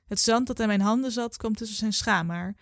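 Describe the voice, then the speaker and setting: A woman in her twenties reading her own literary story aloud in a calm, measured way. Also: fairly high pitch, gravelly, no echo, clean studio sound. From Netherlands. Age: 20s.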